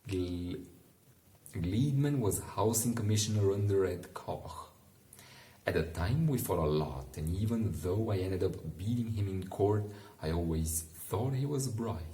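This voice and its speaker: A man reads a bedtime story aloud in a deep, slow, mellow voice, adding casual asides meant to help listeners drift off to sleep. He sounds expressive, unhurried, musing and informal, and the sound is roomy.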